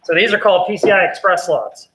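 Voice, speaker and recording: A young man from South Carolina explains a computer build while working in a hot studio, relaxed and chatty in a casual hands-on demo. His voice sits high and moves quickly, on a noisy studio recording.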